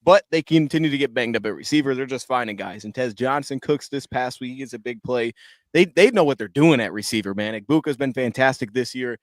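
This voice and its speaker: A man's voice: medium pitch, expressive, a little fast, no echo. A man hosting a casual sports talk roundtable, chatting in a rambling, easygoing way. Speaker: host.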